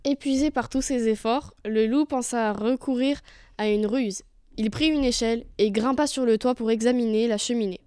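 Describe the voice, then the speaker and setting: A woman reading a fairy tale aloud in a clear, measured storybook style. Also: fairly high pitch, dark tone, no echo, studio quality. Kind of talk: storybook narration.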